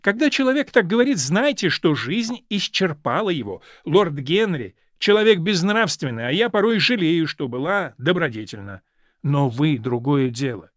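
Man putting on a higher, busy, meddling old society lady for an audiobook; lively and teasing. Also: moderate pace, dry recording, clean studio sound. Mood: fussy. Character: chatty older society lady, meddling matchmaker.

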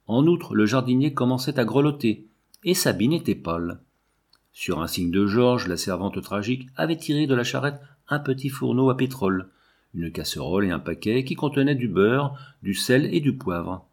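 A man reading a novel aloud as an audiobook, with measured, literary narration. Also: mid-range voice, expressive, darkish tone.

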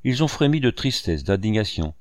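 A man's voice: lowish voice, very animated, normal speed, dry recording, studio quality. A man reading a wry aging painter. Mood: wry musing. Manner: wry musing monologue addressed to a housekeeper. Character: aging male painter, wry, wistful, proud.

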